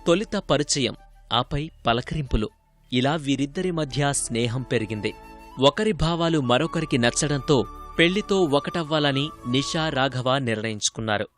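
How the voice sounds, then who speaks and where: A man narrating a television news feature in a measured, formal reading voice. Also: on the high side, expressive, fairly bright tone, faint music behind. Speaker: news reporter.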